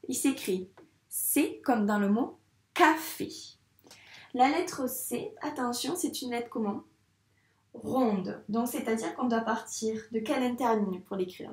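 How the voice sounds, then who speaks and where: Teaching young children handwriting, a young female primary school teacher speaks in a slightly high, slightly mellow voice. She patiently asks questions and supplies the answers herself, and the room sounds echoey.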